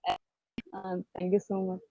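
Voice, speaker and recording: A woman's voice: medium pitch, completely flat delivery, slow, creaky, warm tone, no echo. A woman from India, chatting hesitantly and politely on an English practice call. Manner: hesitant, polite, asks for repeats. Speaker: English learner on video calls. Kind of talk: casual conversation practice. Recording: dull lo-fi online call audio.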